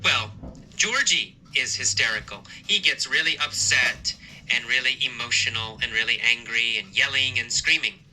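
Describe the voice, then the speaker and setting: A male teacher telling a story as a lesson, asking simple questions and answering them himself, slowly and with emphasis. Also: medium pitch, sharp tone, a little hiss or hum, low-quality recording. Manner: slow, repetitive, emphatic questioning. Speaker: English teacher.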